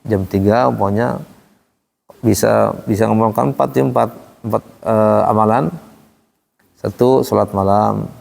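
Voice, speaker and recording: Gravelly-voiced man teaching in an echoey hall. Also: on the low side, measured pace, pauses often. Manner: relaxed, chatty, acts out question intonations. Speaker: Quran recitation teacher. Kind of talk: casual classroom teaching. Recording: echoey room with long reverb.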